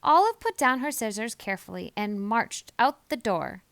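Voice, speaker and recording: A woman narrating a children's story expressively, leaning deliberately on key words. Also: a little high, lively intonation, fairly bright tone. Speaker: storybook reader.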